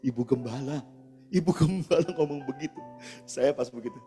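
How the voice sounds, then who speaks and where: A man's voice: medium pitch, moderate pace. Male pastor preaching in a reverberant hall. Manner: casual, chatty, addresses congregation directly. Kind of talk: storytelling sermon. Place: church service hall. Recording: long church reverb, soft guitar behind.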